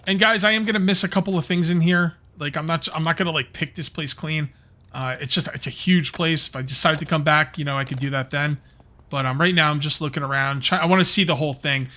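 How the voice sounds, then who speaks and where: Chatty bright-voiced man narrating gameplay. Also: on the high side, fairly even intonation, fast talker. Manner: chatty, rambling, talks to viewers while playing. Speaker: gaming YouTuber. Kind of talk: casual let's-play commentary.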